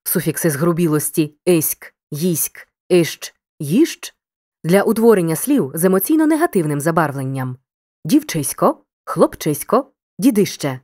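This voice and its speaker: A woman reading a scripted lesson, addressing the listener directly and spelling out example words clearly. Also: on the low side, big pitch swings, measured pace, mellow, no room sound, clean studio sound. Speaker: teacher.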